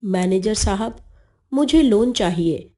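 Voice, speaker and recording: A woman reading as a cheeky man who asks the bank for a loan and gives naive, punning answers. The voice rises and falls a lot and the pace stays slow and deliberate. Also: medium pitch, animated, dark tone.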